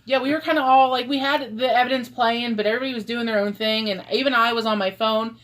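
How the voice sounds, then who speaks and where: A woman co-hosting a paranormal live stream, chatting in a relaxed, loose way. She fills her talk with "um" and "like" and breaks into laughter often, like someone among friends. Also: on the high side, quick pace. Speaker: paranormal investigator, co-host. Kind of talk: casual live-stream chat.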